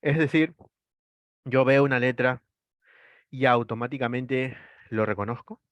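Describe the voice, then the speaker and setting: A man's voice: medium pitch, measured pace, no room sound, dull audio. A man with a Peruvian accent, lecturing an online class, explaining and asking rhetorical questions that he then answers. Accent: Peruvian Spanish. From Peru. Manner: frequent tag "¿no?".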